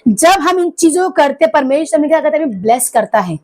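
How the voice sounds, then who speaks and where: A woman's voice: high-pitched, expressive, fast, darkish tone. A middle-aged woman preaching a church sermon, with many hallelujahs, asking the congregation questions. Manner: call-and-response preaching, repeated hallelujahs. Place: church hall.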